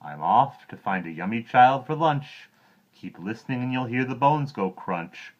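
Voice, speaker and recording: A man voicing a greedy, boastful crocodile who gloats slowly over his sly plans. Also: low-pitched, animated, muffled recording. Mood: gloating.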